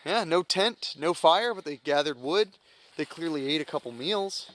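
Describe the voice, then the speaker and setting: Faint noise sits behind a cocky, easygoing outdoorsman. His voice is fairly high for a man, wry and natural, as in a found-footage film. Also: lively intonation, normal speed, fairly bright tone. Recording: faintly noisy outdoor camera audio.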